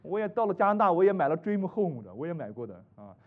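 A man from China preaching a sermon, full of rhetorical questions, swinging between loud exclamations and hushed asides. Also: sits high, big pitch swings, fast. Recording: tinny phone-like recording.

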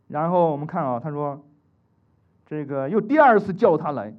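A male pastor preaching a sermon, animated and rising to emphatic peaks. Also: on the high side, normal speed. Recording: dull lo-fi recording.

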